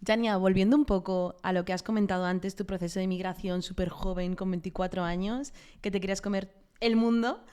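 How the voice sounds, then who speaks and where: A woman hosting an interview asks her guest questions in an easy, conversational way. Her voice is smooth and clear, and she keeps inviting the guest to say more. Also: mid-range voice, fairly even intonation, brisk, few pauses, dark tone.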